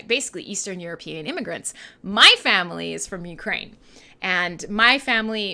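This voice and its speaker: A radio host from western Canada, speaking with a Canadian accent, chats live between music tracks in a casual, irreverent, sweary and playful way. Her mid-range voice is bright and forceful.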